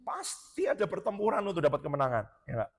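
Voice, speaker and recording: A man's voice: fairly high pitch, big pitch swings, quick pace, vocal fry. A middle-aged man from Indonesia, a pastor giving a casual, conversational sermon and asking the congregation rhetorical questions. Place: church worship hall. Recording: long hall reverb.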